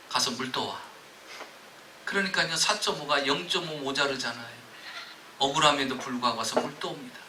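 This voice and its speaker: A man's voice: on the high side, pushed and bright, reverberant, far from the mic, slight background noise, poor audio. A man preaching a sermon as pastor, telling stories and joking with his congregation. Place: church sanctuary.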